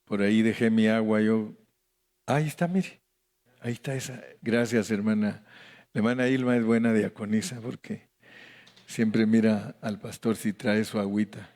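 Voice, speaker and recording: A man pastor teaching a Bible study to his congregation, speaking slowly and deliberately, reading verses aloud and asking people to read along. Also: fairly low pitch, fairly even intonation, darkish tone. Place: church hall with a congregation.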